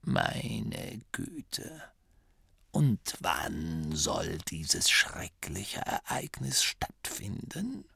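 A man voicing an ancient, frail male gnome abbot who speaks quietly, slowly and dismissively in a storybook reading. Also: sits low, sing-song, gravelly, breathy edge, no room sound, studio quality, full character voice. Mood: quietly mocking.

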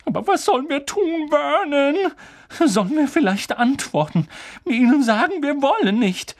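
A man voicing a shrill, nervous middle-aged aunt in a story reading. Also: very animated, slow, fairly bright tone, no echo, clean studio sound, exaggerated voice. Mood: shrill, alarmed. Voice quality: shrill, trembling.

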